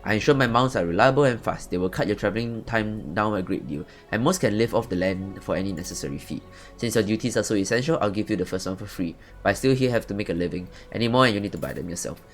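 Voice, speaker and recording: A man voicing a businesslike male stable master who gives measured, instructive advice. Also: on the low side, soft background music, close to an everyday voice. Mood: advising.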